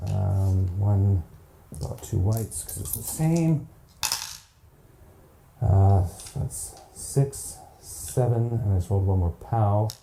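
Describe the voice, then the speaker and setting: A man's voice: on the low side, gravelly, background noise. A man narrating a solo board game campaign, counting dice aloud in a chatty, self-mocking way. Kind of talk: casual play-through narration.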